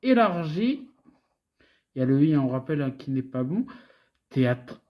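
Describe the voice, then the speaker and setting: A woman with a French accent from France hosts a scratch-card video, chatting casually with her viewers in a play-by-play as she scratches lottery tickets and repeats letters in sing-song runs. Her voice is extremely low and steady, fairly quick, with the highs cut off.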